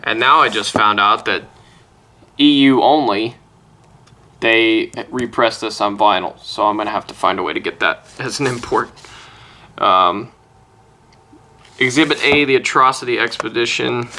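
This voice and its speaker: Man, lowish bright voice, unhurried offhand rambling at home, casual cursing. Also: slight background noise. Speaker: music collector vlogger. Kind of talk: casual chat listing albums. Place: room at home, close to a wall.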